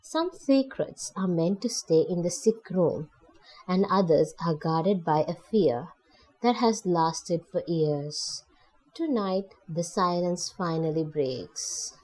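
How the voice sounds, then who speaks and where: A woman narrating an audiobook in a calm, measured, scripted style. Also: lowish voice, slightly rough, poor audio.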